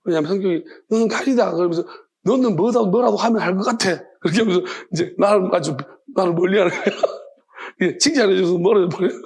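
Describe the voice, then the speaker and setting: A man's voice: sits high, quick pace, a little mellow, breathy edge. A man preaching an informal evening sermon as a pastor, telling rambling personal stories. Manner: conversational, rambling, self-correcting. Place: church sanctuary.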